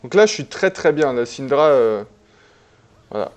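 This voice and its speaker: A man casually commenting on a replay of his own online game, relaxed and chatty, with many fillers and restarts. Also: medium pitch, measured pace.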